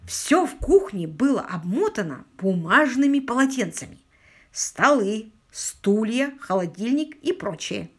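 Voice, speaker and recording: Expressive woman audiobook narrator. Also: on the high side, unhurried, breathy edge. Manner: expressive storytelling. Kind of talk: scripted narration.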